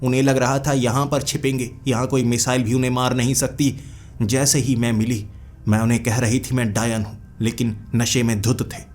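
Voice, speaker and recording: A man's voice: mid-range voice, level tone, moderate pace, lightly acted. A man voicing a furious vengeful witch. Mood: menacing. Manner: scolding, threatening. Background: faint music.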